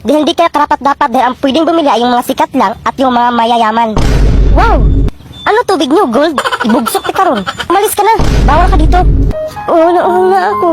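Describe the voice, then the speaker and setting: High-pitched woman voicing skit characters. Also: lively intonation. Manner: quick switches between exaggerated character voices. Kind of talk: comedic skit voicing many roles. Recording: with loud background music.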